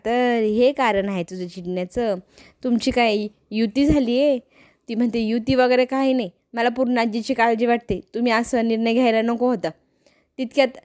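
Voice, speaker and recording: A woman's voice: a little high, a little mellow. A woman with a Marathi accent casually retelling a TV serial episode, lightly acting out the characters' lines as she goes. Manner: casual storytelling, acts out quoted dialogue lightly. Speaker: serial episode recap narrator.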